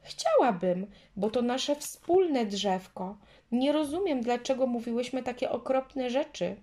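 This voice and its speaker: A woman's voice: a little high, expressive, measured pace, voice pushed up. A woman putting on a stubborn little girl. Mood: regretful. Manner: whiny, shouting, indignant.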